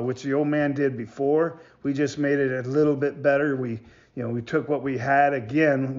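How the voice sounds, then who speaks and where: A man giving a casual product demonstration as a maker of hunting calls, talking in a halting, rambling way and often repeating himself. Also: mid-range voice, lo-fi sound. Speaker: goose call maker presenting products.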